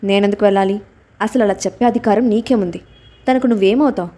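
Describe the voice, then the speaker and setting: A woman voicing a calm, sharp-tongued young man who speaks in a dry, mocking way. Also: medium pitch, fast talker, natural voice.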